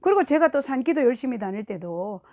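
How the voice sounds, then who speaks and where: A woman preaching a sermon, telling a lively testimony and acting out the dialogue of the people in her story. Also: high-pitched, a little fast.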